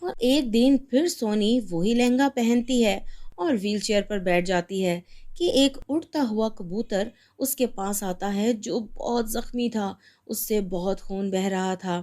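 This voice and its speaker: A woman narrating a storybook tale in a calm, even storytelling manner. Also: mid-range voice, measured pace.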